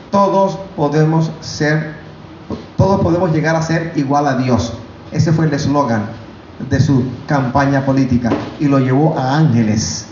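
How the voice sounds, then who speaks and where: A man preaching a sermon, fervent, his voice climbing high when he voices God. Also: roomy sound, lo-fi sound, a little hiss or hum. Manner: preaching, rising to loud fervent pitch when voicing God. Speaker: pastor. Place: church.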